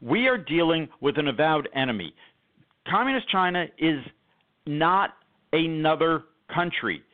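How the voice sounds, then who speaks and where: A man's voice: a little high, animated, a little slow. A man with an emphatic, sarcastic manner and many fillers, talking politics as a guest on a call-in radio show over a phone line.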